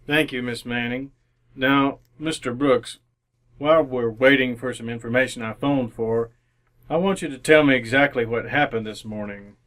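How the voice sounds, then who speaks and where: A man playing a shrewd, methodical police inspector in an old-time radio mystery, with a measured, formal way of questioning. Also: medium pitch, fairly even intonation, a bit bright, natural voice. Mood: probing, formal. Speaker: amateur radio actor.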